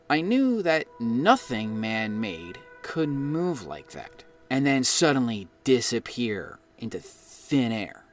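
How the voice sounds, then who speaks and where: An expressive American man from New Jersey, medium in pitch, narrates a personal ghost story as a guest storyteller reading his own experience. He's telling spooky true stories over background music.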